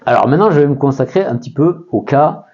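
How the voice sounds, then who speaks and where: A man's voice: mid-range voice, animated, fast talker, darkish tone, lo-fi sound. A man with a French accent teaching a math lesson in a casual way, thinking aloud with many fillers and often checking that his listeners follow.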